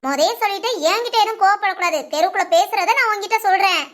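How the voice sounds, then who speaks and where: A woman playing a nosy village gossip, very high-pitched. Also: rapid-fire, a bit bright. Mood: prying. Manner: prying, wheedling, gossipy. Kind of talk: village drama acting.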